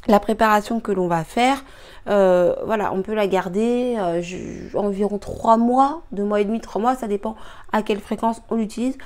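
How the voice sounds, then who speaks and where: This young woman, a cooking and beauty vlogger, chats her way through a recipe at home in the kitchen. Her mid-range voice is a little mellow, and she's hesitant and slightly weary, packing in fillers and frequent apologies.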